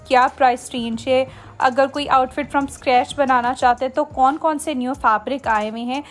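A woman, chatting to viewers in a casual shopping vlog voice-over. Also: high voice. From Pakistan. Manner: chatty, friendly, addresses viewers directly. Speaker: shopping vlogger.

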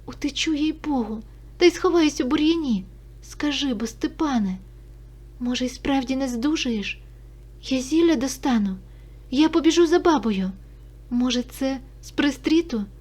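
A woman's voice: animated, moderate pace, darkish tone. A woman voicing a young village girl, anxious and impulsive, pleading and questioning in a raised voice. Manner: high, pleading, breathless questions.

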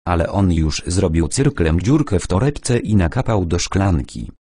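A male audiobook narrator reading in a steady, even first-person style. His voice is deep and husky. The recording is dry and close, with no room echo. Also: a little slow.

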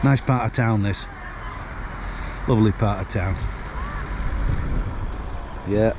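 Walking a seafront street with his handheld camera, a vlogger in his sixties from Northern England chats in a relaxed, rambling, folksy manner. He talks slowly in a fairly low voice, and the background is noisy.

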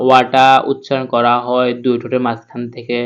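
A man teaching Quran reading to viewers, spelling out each letter and sound slowly before chanting the verse. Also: mid-range voice, monotone, clear, resonant tone, dull audio. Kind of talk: step-by-step recitation lesson.

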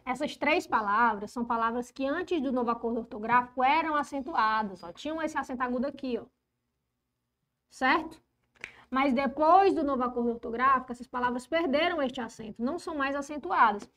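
A woman teaching a grammar lesson, explaining rules step by step and slowing down to repeat key points. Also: high voice, fairly bright tone. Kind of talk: online exam-prep grammar lesson.

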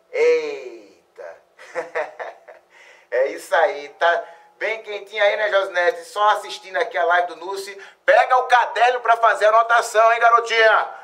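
A man leads an exam-prep live lesson, chatty and quick to exclaim. His voice sits high and sounds sharp and bright. It comes from a little way off the mic in a plain studio. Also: recorded from a distance. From Salvador, Bahia, Brazil. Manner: chatty, effusive, lively exclamations. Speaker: geography teacher hosting an exam-prep live stream. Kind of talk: live-stream lesson, greeting chat viewers.

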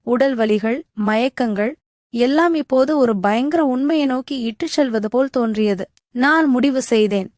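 Woman storyteller, first-person narration, high voice, dramatic and tense, dry close sound. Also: no room sound.

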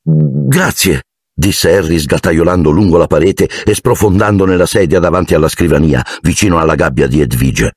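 A man narrating an audiobook with expressive, dramatic storytelling. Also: low-pitched, a little fast, hardly any pauses, no echo, clean studio sound.

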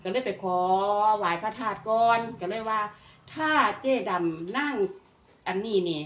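A woman with an Isan Lao accent casually recounting a dream in an animated way. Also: medium pitch, moderate pace, roomy sound, noisy background. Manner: lively, animated retelling with quoted voices. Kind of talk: casual storytelling about a dream.

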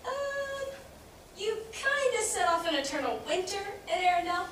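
A woman's voice: very high voice, very animated, moderate pace, a bit bright, a little hiss or hum, exaggerated voice. A young teenage girl playing an earnest, hopeful princess in a school stage musical, recorded from far off in an echoey auditorium. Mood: hopeful, pleading. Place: theatre stage, distant audience camera.

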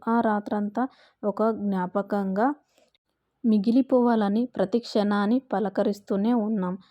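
A woman narrating a first-person story in a slow, emotional way. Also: medium pitch, dry recording, lo-fi sound.

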